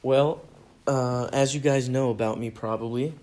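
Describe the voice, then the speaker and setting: A man's voice: medium pitch, fairly even intonation, normal speed, a little mellow. A young man from America hosting a solo podcast, answering fan questions in an earnest, rambling way that repeats itself. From United States. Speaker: podcast host.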